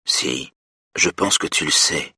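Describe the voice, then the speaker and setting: A man with a husky voice, playing a calm, self-assured hypnotist who speaks low and soothingly. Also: unhurried, no room sound, studio quality, full character voice.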